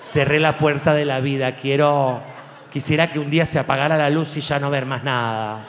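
A man's voice: mid-range voice, fairly even intonation, pitched below the performer's own voice, close to an everyday voice. A man doing a gloomy, heartbroken Argentine girl. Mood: mournful. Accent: Argentine Spanish (put on). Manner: slow, gloomy, theatrical lament. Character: heartbroken young Argentine woman, melodramatic. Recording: long hall reverb.

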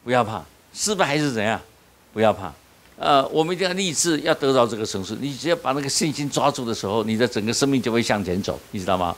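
A man's voice: medium pitch, lively intonation, fast. A man preaching as a pastor, asking the audience questions and answering them himself, often tagging on "you know?". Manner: repeats "你知道吗" often. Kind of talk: sermon at a small-group leader training.

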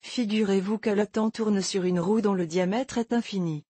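A woman voicing a patient good genie, now a valet, who explains things calmly in an audiobook reading. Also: mid-range voice, normal speed, breathy edge, dry recording, natural voice. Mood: explaining. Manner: calm, explanatory.

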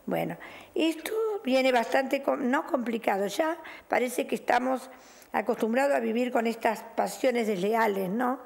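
With a gravelly, slightly mellow voice that's a little high and unhurried, a middle-aged woman hosts an on-air tarot reading in Rioplatense Spanish. She's chatty and affectionate, using "mi cielo" and "querida" with the caller, and her voice is still on the mend after she lost it.

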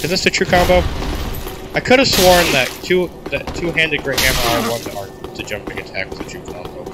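A man's voice: mid-range voice, brisk. A sick man coughing now and then while giving rambling, self-deprecating casual commentary over his gameplay. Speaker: gaming channel host. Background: loud game music.

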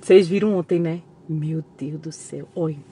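A woman's voice: low voice, normal speed, mellow. A woman from Northeast Brazil with a Northeastern Brazilian accent, chatting emotionally with her followers in a home vlog recorded on a phone. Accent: Northeastern Brazilian Portuguese. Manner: emotional and chatty, keeps addressing viewers. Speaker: vlogger. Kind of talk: casual chat to followers.

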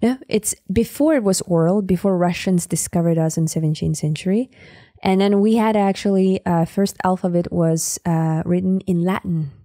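A woman with a fairly low, mellow voice speaks at a normal pace in a clean, studio-quality recording with no room sound. She's a native Sakha speaker from the Sakha Republic in Siberia, with a Sakha accent, appearing as a podcast guest in a conversational interview and often searching for words with fillers.

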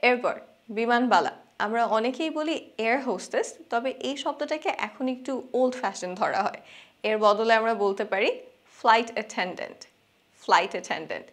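A young woman leads a vocabulary lesson in a fairly high voice. She says each English word two or three times, slowing down to stress how it should sound. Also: expressive. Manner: repeats each word slowly and clearly, stressing pronunciation. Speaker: English teacher.

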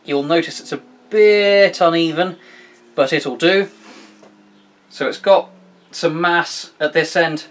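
Man with a slightly raised voice giving a relaxed workshop how-to, chatty and self-deprecating. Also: fairly high pitch, slow, pauses often. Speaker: woodworking video host. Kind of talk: casual how-to demonstration.

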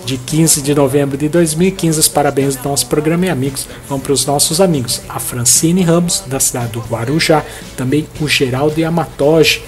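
A man in his thirties hosting a regional events show, reading listings and birthday greetings in an upbeat, friendly way on a headset mic. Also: on the high side. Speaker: host. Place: indoors against a plain bright wall.

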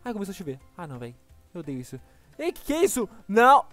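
A man with a Brazilian accent giving excited, exclaiming gameplay commentary as a gaming YouTuber. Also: sits high, quick pace, no echo, soft background music. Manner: excitable, exclaiming, laughs often.

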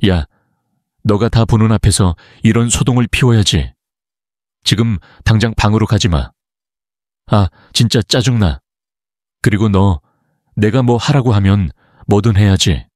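A man's voice: on the low side, a little slow, pauses often, a little mellow, no room sound, studio quality, close to an everyday voice. A man voicing a hot-tempered, bullying older brother-in-law who scolds and threatens. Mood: angry.

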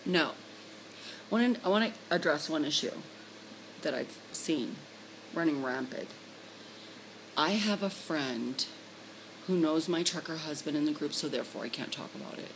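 A woman's voice: low voice, animated, normal speed, pauses often, background noise. A middle-aged woman, a trucker's wife, ranting bluntly and profanely to her phone camera at home. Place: home room indoors. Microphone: phone camera held close.

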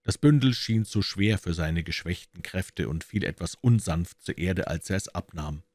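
A man narrating a classic detective novel as an audiobook reader, in measured storytelling with lively emphasis. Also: low voice, dry recording. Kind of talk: scripted narration.

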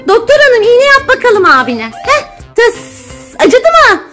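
Young mother, very high and swooping voice, playful and coaxing, background music. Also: sing-song, moderate pace. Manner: playful, coaxing and narrating a pretend doctor game. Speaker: mother playing with her children. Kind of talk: casual family play. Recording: music playing under the voice.

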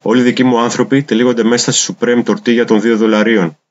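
A man reading translated poems aloud in a measured, deliberate recitation. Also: medium pitch, little pitch movement. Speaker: poetry reader. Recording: dull lo-fi recording.

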